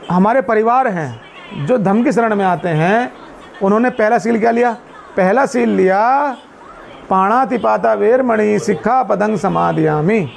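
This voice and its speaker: A man speaking to a seated community meeting about Buddhist teachings, putting questions to his listeners and answering them himself, and chanting Pali verses slowly. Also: high voice, slight background noise. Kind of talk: explanatory talk to a seated group.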